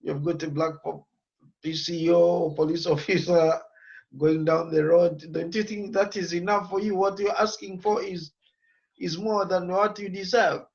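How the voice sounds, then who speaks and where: Male interviewer, fairly high voice, probing, lays out a counterargument, slightly off-mic and dull. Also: fairly even intonation, unhurried, creaky. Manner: lays out an argument in a quoted, hypothetical voice. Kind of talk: putting a counterargument to the guest.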